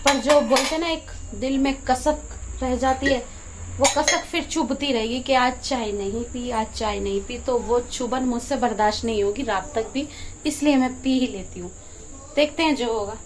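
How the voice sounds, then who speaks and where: A woman's voice: fairly high pitch, normal speed, noisy background. A middle-aged woman, chatting casually to camera in a home vlog while she explains things and does chores. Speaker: vlogger. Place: home kitchen and yard.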